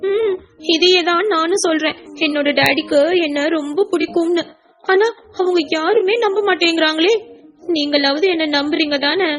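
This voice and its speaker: A woman's voice: very high-pitched, moderate pace, fairly bright tone. A woman voicing a stubborn, hurt little girl in an insistent, childlike way for an audiobook. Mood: earnest. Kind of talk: audiobook character voice.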